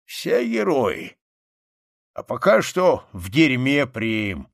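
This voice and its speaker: A man's voice: a little high, wildly swooping pitch, unhurried, vocal fry, a bit bright, no echo, clean studio sound, pitched above the performer's own voice, exaggerated voice. A man voicing a mocking, skeptical peasant who owns the hut, in an audiobook reading. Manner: mocking, sardonic.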